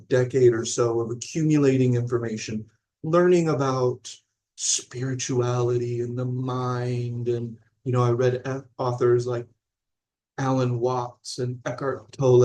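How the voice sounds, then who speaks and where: A man's voice: mid-range voice, darkish tone. A man in his forties from Illinois, teaching mindfulness in a rambling, conversational live talk that often checks in with listeners. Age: 40s. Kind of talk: live-streamed talk reading viewer comments.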